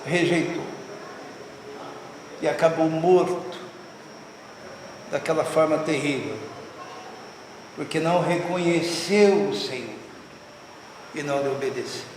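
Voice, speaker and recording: Pastor preaching hard, high-ish voice, far off in a big echoey church, noisy. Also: male voice, slow, long pauses. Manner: fervent preaching, rising emphatic repetitions. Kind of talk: sermon with altar call. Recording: echoey hall, distant from the mic, noisy.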